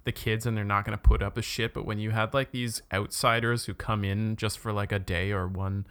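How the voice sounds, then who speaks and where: A man's voice: lowish voice, little pitch movement, a little fast, fairly bright tone, clear, resonant tone. A man from Canada chatting casually about school, full of filler words and blunt swearing. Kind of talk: casual chat.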